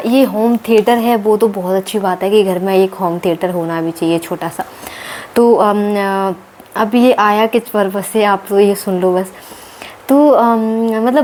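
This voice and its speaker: A woman chats casually to her viewers in a late-night vlog from home, filling her pauses with hums and clearing her throat. Her voice sits at an ordinary middle pitch. A faint hiss runs under the recording. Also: darkish tone. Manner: chatty, many fillers and throat clearing. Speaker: vlogger.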